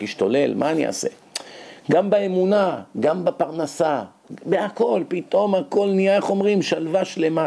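Animated male Torah teacher, rhetorical. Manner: lively, conversational, rhetorical questions to listeners; sharp drops and rises in pitch for emphasis.

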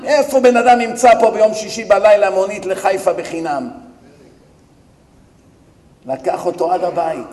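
A man, a rabbi, giving a dramatic sermon. He swings from loud outbursts to hushed asides and puts rhetorical questions to his audience. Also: sits high, long reverb tail.

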